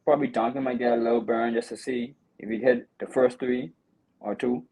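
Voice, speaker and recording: A man hosting a casual sports chat, talking through a game in an animated way and peppering it with "you know" and "bro.". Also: medium pitch, a little fast, vocal fry, low-quality recording. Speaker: podcast host.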